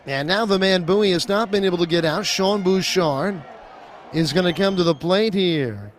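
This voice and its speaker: A man calling a baseball game as play-by-play announcer on the radio, rising to excited calls on big pitches. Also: normal speed.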